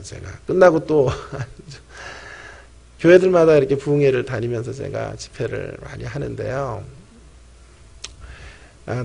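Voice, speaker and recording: A middle-aged man, a pastor and professor, preaching a sermon and telling a personal story with animated storytelling, speaking straight to the congregation. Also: on the high side, creaky, slightly rough. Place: church sanctuary.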